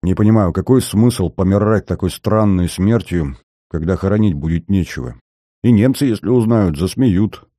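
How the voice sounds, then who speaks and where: A man doing a dry, calm lieutenant. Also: deep voice, moderate pace, dry recording. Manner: level, commanding, wry. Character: calm young male lieutenant, dry commander.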